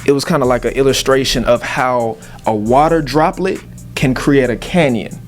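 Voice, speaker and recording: A man's voice: mid-range voice, normal speed, soft background music. A man hosting a casual interview, speaking informally and encouragingly and often addressing the viewers directly. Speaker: interview show host.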